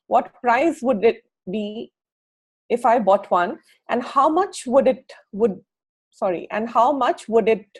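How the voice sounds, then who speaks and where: A woman co-hosting a book club reads aloud from a book and adds informal comments. Her husky voice is a little high, and the audio is poor.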